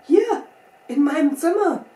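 A woman's voice: medium pitch, normal speed, a little mellow, lightly acted. A woman voicing a pompous, easily flustered male army captain who turns indignant and stammers when startled, recorded from a distance in a roomy space. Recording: roomy sound from a distant mic, faint hiss.

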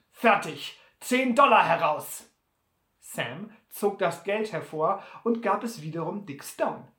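Slow, lively story reading, echoey room. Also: medium pitch. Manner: lively, acts out each character. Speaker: audiobook reader. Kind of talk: adventure novel reading. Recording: roomy echo.

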